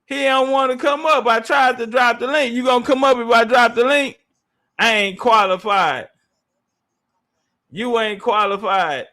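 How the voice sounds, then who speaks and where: A man's voice: extremely high pitch, normal speed, few pauses, pushed and bright. A man hosting a live debate stream, confrontational and taunting in slangy speech, repeating phrases for emphasis. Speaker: live-stream panel host.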